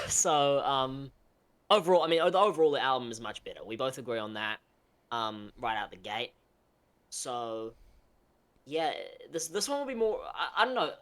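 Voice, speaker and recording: A man's voice: fairly high pitch, fairly bright tone. A young man co-hosting a casual chat, easygoing and hesitant, with frequent ums and restarts. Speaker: co-host.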